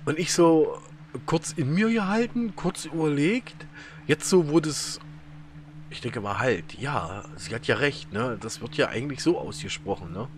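A man's voice: fairly high pitch, lively intonation, a little slow, a little hiss or hum. A man with a German accent giving casual let's-play commentary, rambling and telling stories with many fillers and laughs. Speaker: gaming YouTuber.

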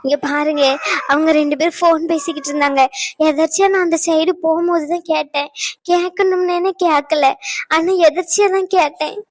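A woman's voice: very high voice, fairly even intonation, normal speed, darkish tone, dry recording, studio quality. A woman voicing a tearful, jealous young woman who is crying. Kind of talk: cartoon dubbing.

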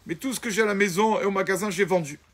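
Husky man telling a lively story. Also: very fast. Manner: animated, acts out the characters in the story, often drops to a low murmur. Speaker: rabbi telling a Shabbat story. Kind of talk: spoken storytelling.

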